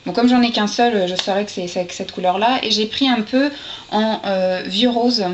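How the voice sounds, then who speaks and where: A woman's voice: medium pitch, moderate pace. A woman chatting casually to her camera as a beauty vlogger, hesitant and full of fillers, with little asides as she handles things. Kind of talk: casual haul chat to camera. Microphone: camera's built-in mic. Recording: dull lo-fi camera audio with steady hiss.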